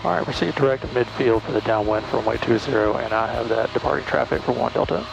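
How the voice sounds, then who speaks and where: A man speaks into an aviation headset from the cockpit of a small plane, running radio calls and checklist items in tight, clipped phrasing. His delivery is quick, and his voice has a gravelly texture, with music playing behind. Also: medium pitch, low-quality recording. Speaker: student pilot.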